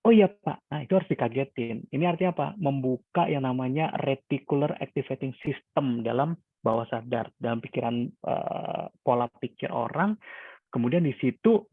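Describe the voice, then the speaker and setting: A man with a gravelly, creaky voice lectures calmly and explains step by step, now and then lifting his voice sharply to act out example questions. The sound is dry and narrow, like a phone line. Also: mid-range voice, normal speed, no echo. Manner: calm, explanatory, acts out sample questions with sharp rises. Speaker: hypnosis instructor. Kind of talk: class lecture with spoken examples.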